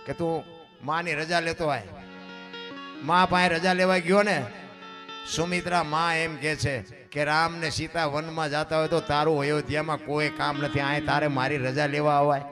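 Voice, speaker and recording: Guy preaching dayro style, high voice, goes from quiet to really loud, asks the crowd stuff, guitar playing behind. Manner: swings between soft musing and loud impassioned declaiming; asks the audience questions directly. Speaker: folk storyteller. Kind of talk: Gujarati dayro storytelling sermon. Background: guitar music.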